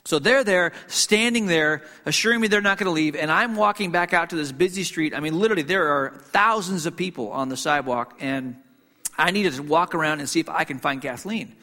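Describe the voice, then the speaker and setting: A man from Hong Kong tells a story as a pastor in a sermon, his voice bright and forceful with a slightly high pitch. He talks conversationally, with frequent fillers and restarts. The sound carries a long reverb from a church hall. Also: a little fast.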